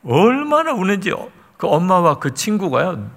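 A man with a gravelly voice preaches in a storytelling way, warmly emotive and at times sinking to a near whisper. His words ring out with a long hall reverb behind them. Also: high voice, sing-song, measured pace. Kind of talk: sermon storytelling.

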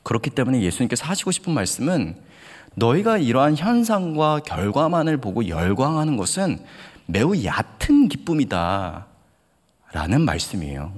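A man preaching a sermon in a church hall, telling stories with animated delivery and asking the congregation direct questions. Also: medium pitch, moderate pace. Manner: animated storytelling, acts out quoted voices. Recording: long hall reverb.

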